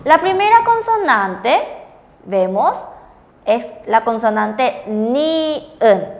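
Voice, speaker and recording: Woman teaching a lesson, high voice, keeps asking if you got it. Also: lively intonation, unhurried, long reverb tail. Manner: patient, checks understanding with frequent rhetorical questions. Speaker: Korean language teacher. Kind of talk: bilingual classroom lesson on TV.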